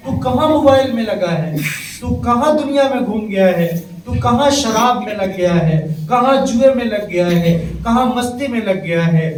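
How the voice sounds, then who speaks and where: A man preaching an impassioned sermon, chanting Arabic verses slowly between plain exhortation. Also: high voice, darkish tone. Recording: echoey, distant, faint hiss.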